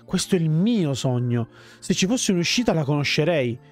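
A man's voice: on the high side, sing-song, normal speed. A man voicing a worried village mayor from a fantasy game, reading his lines earnestly over game music.

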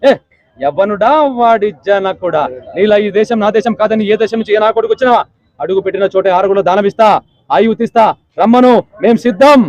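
A man's voice: high-pitched, fairly quick, darkish tone, no echo, natural voice. A man voicing a proud ancient warrior king who issues threats in grand, formal declamation. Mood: defiant. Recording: dull lo-fi recording.

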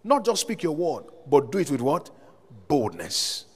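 A man's voice: fairly high pitch, huge pitch swings, unhurried, darkish tone, breathy edge. A man preaching a sermon as pastor, calling out to the congregation between scripture readings, recorded live in a large church hall. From Nigeria. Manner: preaching with rising calls to the congregation. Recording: long hall reverb.

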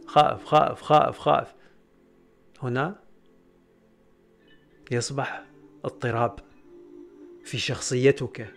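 A man giving a spiritual lecture, repeating phrases again and again and swinging from loud raised bursts down to low murmurs. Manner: repetitive, chanting phrases over and over. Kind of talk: metaphysics lecture to a camera.

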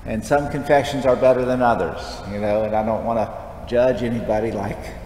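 A man with a mid-range, slightly mellow voice delivers a conversational homily at the lectern of a large church, speaking briskly in a steady tone. He wears a headset mic, and the recording is echoey with long reverb and background noise.

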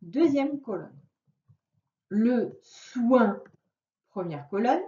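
A woman teacher with a fairly high, expressive, warm voice gives a young child a patient reading lesson, speaking extremely slowly and sounding out words syllable by syllable. The audio is roomy, distant, and dull, with a lo-fi quality.

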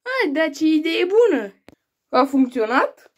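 A woman acting out a family comedy sketch, quick and bickering, with frequent swearing. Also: high-pitched, big pitch swings. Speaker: sketch comedian playing several family roles.

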